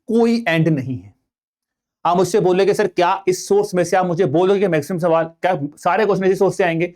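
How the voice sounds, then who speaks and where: A man's voice: fairly high pitch, darkish tone. A young adult man with an Indian accent teaching an online exam-prep lesson, mixing in English words and firing rhetorical questions at his students. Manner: addresses viewers as friends, Hindi-English mix, rhetorical questions. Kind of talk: online lecture.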